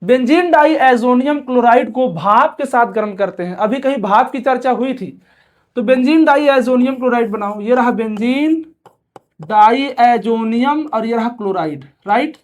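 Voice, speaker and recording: A man's voice: very high-pitched, normal speed. A male chemistry teacher giving an exam-prep lecture who asks questions aloud, answers them himself, repeats key terms and keeps urging students to pay attention. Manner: repeats key terms several times over.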